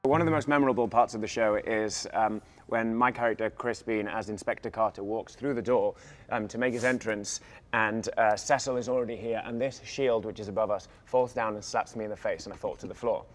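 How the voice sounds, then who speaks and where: A man's voice: on the low side, fairly even intonation, fairly quick. Man explaining casually over light music. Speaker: stage actor. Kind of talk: casual explanatory interview talk.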